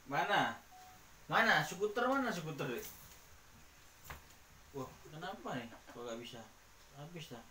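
A woman with a bouncy, swooping voice keeps prompting a small child at home. The sound is distant and echoey, with clear noise in the background. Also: low-pitched, very animated, unhurried, pauses often, sharp tone. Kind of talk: home video, teaching a toddler.

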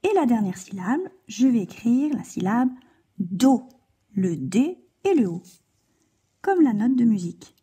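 A woman's voice: a little high, big pitch swings, mellow, breathy edge. A woman teaching a handwriting lesson to a child, guiding patiently step by step. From France. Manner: slow, patient step-by-step guidance, addressing a child.

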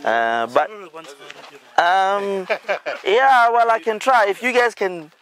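In a slow, expressive, high and fairly bright voice, a man hosting a vlog casually tours an outdoor campsite in dry bush, explaining it with easy fillers. The handheld camera audio recorded outdoors has clear noise.

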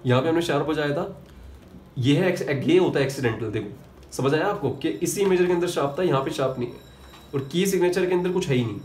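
A man's voice: fairly high pitch, quick pace, darkish tone, slight background noise. A young man from India, teaching piano, counting beats aloud and explaining step by step, mixing terms into his talk. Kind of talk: spoken piano lesson. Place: room with a piano. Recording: echoey room with piano playing.

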